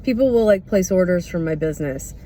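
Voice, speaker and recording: A person thinking out loud in a casual, reflective monologue, candid and often pausing to search for words. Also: mid-range voice, lively intonation, a little hiss or hum. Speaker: podcast or vlog host.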